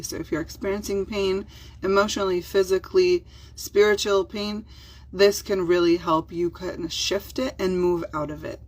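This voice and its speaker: Speaking with an Israeli accent, a middle-aged woman whose native language is Hebrew gives a soft, soothing self-help talk as a spiritual healer. Her voice sits on the lower side.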